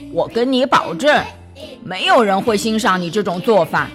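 A woman's voice: medium pitch, expressive, moderate pace, a bit bright, soft background music, natural voice. A woman voicing a serious, fatherly male creature who speaks in a firm, earnest, encouraging way.

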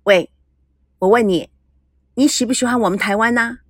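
A woman's voice: fairly high pitch, moderate pace, no echo, studio quality, lightly acted. A woman voicing a brash, teasing young woman in an audio story, playful and bossy. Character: brash teasing young Taiwanese woman, cheeky self-styled beauty.

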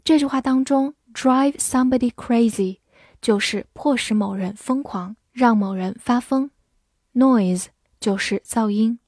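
A woman teacher giving a scripted vocabulary lesson, spelling words letter by letter and repeating them slowly. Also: a little high, darkish tone, dry recording, clean studio sound. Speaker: English teacher.

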